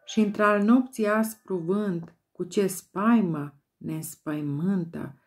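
A woman giving a dramatic, rhythmic poetry recitation, chanting repeated words in an incantatory way. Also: mid-range voice. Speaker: volunteer poetry reader. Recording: soft music bed behind voice.

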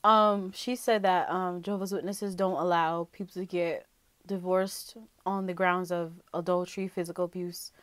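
A woman's voice: lowish voice, flat delivery, normal speed, a bit bright, dry recording. A woman talking casually to her channel in a rambling way, full of fillers and restarts, as she reacts to a video. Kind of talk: casual reaction vlog chat.

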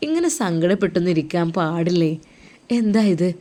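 A woman voicing a tender young husband far from home who gently consoles his crying wife in a told story. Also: on the low side, big pitch swings, brisk. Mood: soothing. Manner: gentle, coaxing, soothing. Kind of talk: storytelling role-play.

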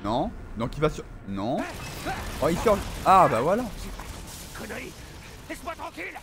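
A man's voice: fairly high pitch, big pitch swings, normal speed. A man streaming a horror game, commenting live, swearing often and talking back to the enemy on screen. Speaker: gaming streamer.

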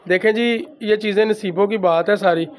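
A man from Pakistan who breeds and sells pigeons, talking loudly and emphatically as he shows birds to his viewers, repeating the same stock phrases. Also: sits high, fairly even intonation, normal speed. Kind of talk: casual handheld show-and-tell. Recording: faint background noise with pigeons.

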